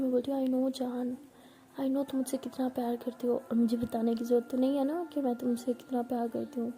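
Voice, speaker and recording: A woman's voice: high voice, dark tone. A woman narrating a first-person love story in a tender, intimate way, acting out the dialogue herself. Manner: tender, intimate, voices both partners in the story.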